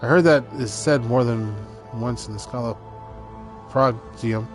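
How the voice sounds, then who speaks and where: A man's voice: mid-range voice, a little slow. A man reading game narration aloud dramatically, breaking into casual asides as he plays. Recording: music behind the voice.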